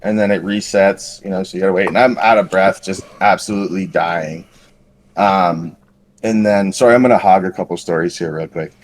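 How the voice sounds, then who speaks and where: A man's voice: low voice, steady tone, fairly quick, a little hiss or hum. A man on a podcast casually telling a long paintball story, rambling and self-deprecating with lots of fillers. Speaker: podcast co-host.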